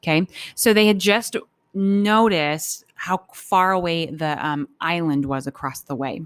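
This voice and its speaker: A woman teacher with a lowish voice reads a story aloud to children at a measured pace, casually explaining it and acting out the characters' thoughts along the way. Her tone is clean, with no room sound.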